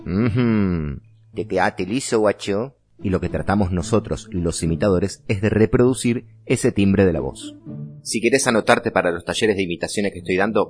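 Man, Rioplatense Spanish accent, low voice, chatty voice teacher, faint music behind. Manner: chatty, digressive. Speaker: voice imitation teacher. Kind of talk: casual voice lesson.

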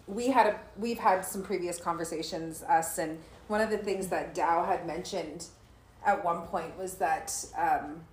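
In a warm conversational podcast, the host, a woman, tells a reflective story, laughs a lot, and thanks her guests. She speaks at a measured pace in a lowish voice, on a low-quality, reverberant recording with a little hiss or hum.

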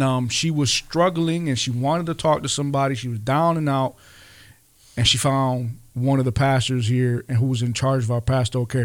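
A man talking earnestly in a casual discussion, repeating phrases for emphasis. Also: medium pitch.

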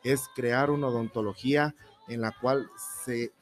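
A man from Ecuador with a highland accent, explaining his dental services as a folksy interview guest. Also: steady tone, measured pace. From Baños, Ecuador. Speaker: dentist guest.

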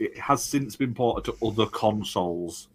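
A man with a low voice runs a guessing game in casual podcast chat. He is dry and teasing, and he gives his hints slowly and deliberately. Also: husky. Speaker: quiz master on a podcast.

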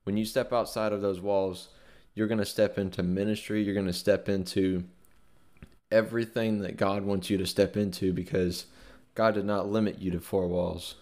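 Deep-voiced guy doing a casual faith talk, lots of ums and restarts. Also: level tone, moderate pace, a little mellow. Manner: rambling, many fillers and restarts. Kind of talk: informal devotional talk.

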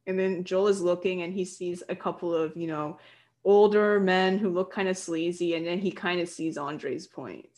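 A woman's voice: lowish voice, fairly even intonation, moderate pace, a little mellow. A woman narrating an improvised role-play story in an informal, casual way.

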